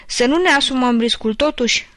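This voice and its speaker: A woman's voice: high voice, fairly bright tone, dry recording, clean studio sound, pitched above the performer's own voice. A woman reading the part of a cautious, sensible older girl, speaking practically. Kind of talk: audiobook character reading.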